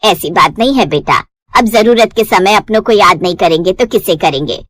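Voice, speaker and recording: A woman's voice: mid-range voice, expressive, moderate pace, fairly bright tone, pitched below the performer's own voice. A woman voicing a greedy mother who talks in a falsely sweet, wheedling way.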